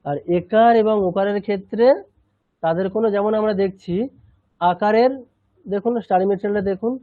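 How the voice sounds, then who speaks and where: A high-pitched man leads a chanting lesson and patiently repeats syllables for his students. His voice comes through a narrow, tinny line. The sound is close and dry. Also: steady tone, no room sound. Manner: patient, repeats sounds slowly, mixes in English. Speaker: Sanskrit chanting teacher. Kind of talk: online language lesson.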